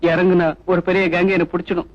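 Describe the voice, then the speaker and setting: A man's voice: sits high, little pitch movement, fast, muffled recording, lightly acted. An actor playing a confident young male singer who talks in a cool, teasing way. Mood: playful. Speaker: stage singer.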